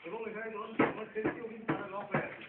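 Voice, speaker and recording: Male martial arts teacher demonstrating moves, fast and high-pitched, recorded far off in an echoey space with heavy noise. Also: flat delivery. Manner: instructive, checks often that students follow. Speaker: self-defence instructor. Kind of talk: live demonstration lesson. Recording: roomy, distant, phone-like sound with loud noise.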